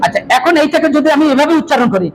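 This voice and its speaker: A man's voice: extremely high pitch, expressive, racing, loud music behind the voice, low-quality recording. A man teaching a Quran recitation class, drilling his students in call-and-response and often raising his voice. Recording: loud class and room noise.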